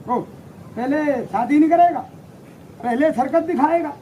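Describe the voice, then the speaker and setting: High-voiced rowdy street performer man. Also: unhurried, dark tone. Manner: rowdy, teasing, voices several characters. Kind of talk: street show patter to a crowd. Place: outdoors on a busy street. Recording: noisy outdoor crowd recording.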